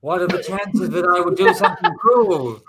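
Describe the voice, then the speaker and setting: A man playing a tall New York mob boss with a pet snake in an improvised comedy scene, speaking smoothly and teasingly. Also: high-pitched, normal speed, crowd noise, voice pushed up, lightly acted. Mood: silkily menacing. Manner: smooth, mock-friendly and teasing.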